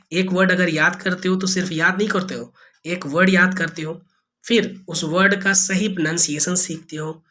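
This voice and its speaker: A man's voice: high voice, sharp tone. A man teaching a spoken English lesson in casual Hindi, drawing out vowel sounds and repeating them with corrections. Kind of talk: online lesson, explaining in casual conversational Hindi.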